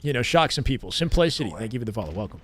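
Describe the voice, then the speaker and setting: A man live-streaming casual game commentary, chatting with viewers and hyping their support with slang shout-outs. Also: mid-range voice, very animated, rapid-fire, a little hiss or hum. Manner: hype slang, thanking and welcoming viewers.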